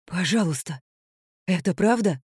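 A woman's voice: medium pitch, brisk, no room sound, clean studio sound, natural voice. Woman playing a whimpering frightened young man. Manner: timid, whimpering. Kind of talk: audiobook character voice.

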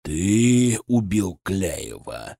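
A man's voice: lowish voice, animated, breathy edge, no echo, studio quality, exaggerated voice. A man growling as a stern secret-police colonel. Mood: menacing. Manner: barking, slow and menacing.

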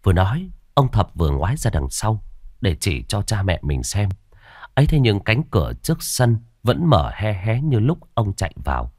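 Low, lively male storyteller. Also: moderate pace, dry recording, clean studio sound. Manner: expressive storytelling. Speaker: narrator. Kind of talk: scripted horror story narration.

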